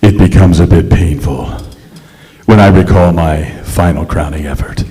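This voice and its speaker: A man's voice: sits low, moderate pace, mellow, lightly acted. A man playing a pompous, easily flustered aristocratic ghost in an old time radio stage drama, speaking in grandiose, archaic phrases. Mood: wounded, solemn. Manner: grandiose, archaic, melodramatic delivery. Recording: echoey hall, live stage performance.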